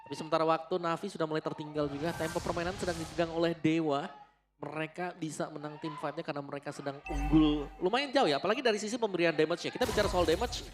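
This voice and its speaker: A man's voice: a little high, steady tone, quick pace. A man working as an esports caster, analytically explaining builds and the state of a match. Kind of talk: esports caster analysis of items and game tempo. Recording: music behind the voice. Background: music.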